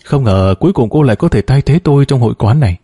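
A man's voice: medium pitch, animated, fast, mellow, husky, no room sound, clean studio sound. A man reading a story, voicing a distraught, grieving woman with a pleading, sobbing manner. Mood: anguished. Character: distraught grieving middle-aged woman, desperate mother.

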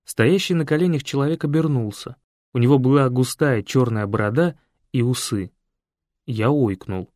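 A man reads a funny first-person tale with lively comic timing, his mid-pitched voice sitting close and dry with no room echo. The telling is brisk and narrative, built for the punchlines. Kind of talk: humorous story narration.

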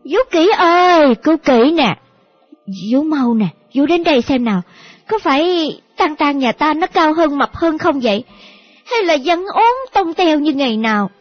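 A woman's voice: sits high, lively intonation, normal speed. A woman voicing a tearful, doting old grandmother, fussing and repeating herself in an audiobook. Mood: bustling. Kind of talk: audiobook character voice. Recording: dull lo-fi audio with faint music.

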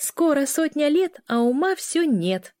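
A woman voicing a cheeky, quick-tempered teenage girl who snaps back with indignant, high retorts. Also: sing-song, darkish tone, dry recording, clean studio sound.

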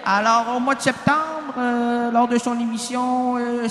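A man's voice: very high-pitched, completely flat delivery, a little slow, fairly bright tone. A man with a Quebec French accent who rambles, stammers and jokes as a radio host in a comic mock courtroom sketch. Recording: echoey room with long reverb.

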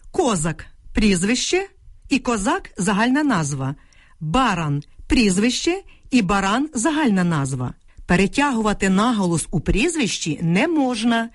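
A woman's voice: a little high, no room sound, studio quality. A middle-aged woman, a linguist, carefully reading out answers to listener letters in a precise, teacherly manner. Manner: precise, didactic, reads carefully. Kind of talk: scripted radio explanation.

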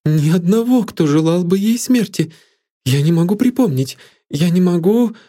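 A man's voice: high voice, animated, moderate pace, mellow, voice pushed up. A man voicing a proud, cool young woman who turns feverish under questioning, read as an audiobook figure. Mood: shocked, feverish. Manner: cool and scornful, rising to feverish alarm.

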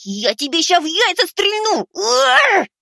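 A man voicing a panicked young man who yells threats in a shrill, frantic voice. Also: huge pitch swings, unhurried, vocal fry, dry recording, clean studio sound, exaggerated voice. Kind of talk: audiobook story narration.

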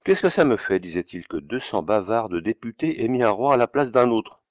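A man's voice: fairly low pitch, sing-song, brisk, darkish tone, no room sound, clean studio sound. A man voicing a fiery, grandiloquent young Napoleonic colonel in a declamatory storybook reading. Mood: scornful. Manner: declamatory, emphatic.

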